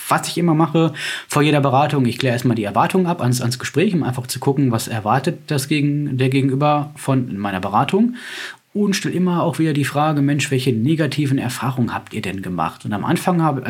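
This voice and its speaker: A man hosts a podcast in a casual, chatty style. His medium-pitched voice has a husky edge. He talks colloquially and likes to tease. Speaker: podcast host, financial adviser. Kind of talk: casual chat.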